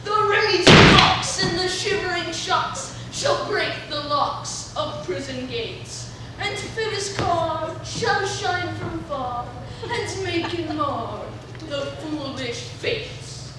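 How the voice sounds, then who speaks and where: A woman's voice: extremely high pitch, slow pace, few pauses. A woman playing a boastful, stagestruck male weaver in a grandiose, declamatory manner in an amateur Shakespeare comedy. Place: echoey performance space, recorded from a distance. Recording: echoey, noisy hall from far off.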